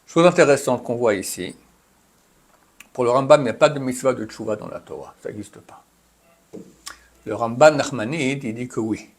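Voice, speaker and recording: A man's voice: medium pitch, animated, moderate pace, pauses often. A man giving a religious lesson, reading Hebrew phrases aloud and explaining them in a chatty, conversational way. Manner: reads Hebrew text then translates and explains, chatty asides. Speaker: rabbi teaching a class. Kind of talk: Torah lesson, explaining texts.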